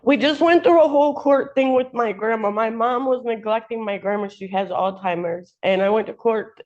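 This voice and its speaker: A woman pleads in court on behalf of her partner, the defendant, speaking unscripted, informally and insistently in colloquial terms. Her fairly high, somewhat mellow voice moves at normal speed, captured in dull, muffled, lo-fi courtroom audio.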